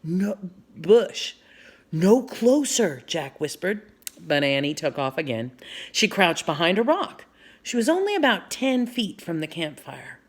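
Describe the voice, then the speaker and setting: A woman's voice: on the low side, sing-song, moderate pace. A woman reading a children's chapter book aloud, explaining the story to young listeners as she goes. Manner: warm, explanatory, speaking to children.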